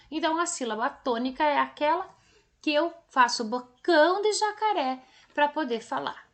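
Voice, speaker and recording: A woman primary school teacher with a Brazilian Portuguese accent, giving a recorded lesson to children in a slow, didactic way that stretches words out for emphasis. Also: sits high, a bit bright.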